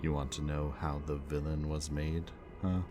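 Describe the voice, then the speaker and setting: In an audio roleplay, a man plays a brooding kidnapper villain, mockingly polite and weary, delivering his lines deliberately and theatrically. His voice rumbles low with a flat delivery over a noisy background, and the mood is grim and haunted.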